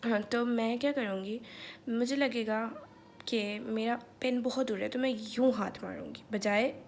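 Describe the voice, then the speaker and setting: A woman with a raised, gravelly voice and a slightly sore throat talks through a lecture in a relaxed, chatty way, checking in with listeners as she goes. A faint hiss sits under the recording. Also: a little high. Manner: chatty, mixes English terms, repeats "theek hai". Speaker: medical lecturer. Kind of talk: casual online lecture.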